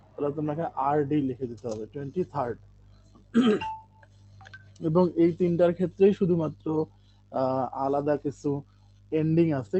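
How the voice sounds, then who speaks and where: A slightly high-voiced man with a dark tone leads an online English lesson, walking through each point with frequent okays and reading lines slowly so students can practice pronunciation. The audio has its highs cut off and carries a faint hiss or hum.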